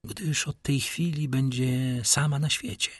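Brooding nobleman, read by a man, solemn, slow, husky voice, dry close sound. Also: fairly low pitch, animated, no echo. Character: brooding middle-aged nobleman, grave and tender.

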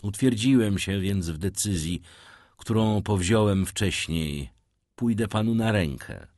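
A man voicing a reserved, coolly measured English creditor who speaks slowly and low. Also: animated, a little mellow, dry recording, clean studio sound.

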